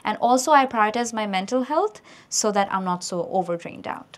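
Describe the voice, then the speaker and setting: A woman's voice: medium pitch, animated, drawn-out words. A woman, an actress, answering speaking-test questions in an earnest, rambling, heartfelt way.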